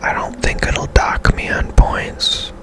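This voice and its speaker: A man whispers casual ASMR commentary while playing a video game, musing in a hushed, unhurried manner. He is a game streamer and ASMR host.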